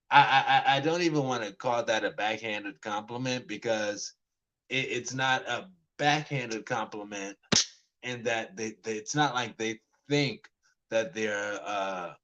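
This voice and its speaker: A forty-something vlogger speaks slowly and expressively in a fairly low, slightly bright voice, captured on a rough recording. His casual story rambles, with frequent restarts and stammered repeats, and he acts out both sides of every exchange.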